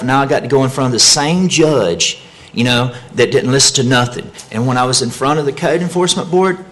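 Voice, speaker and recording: Agitated man pleading at a meeting. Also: a bit bright. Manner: pleading, agitated, pitch climbing as he grows upset. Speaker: citizen giving public comment. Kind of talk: impassioned public comment at a meeting.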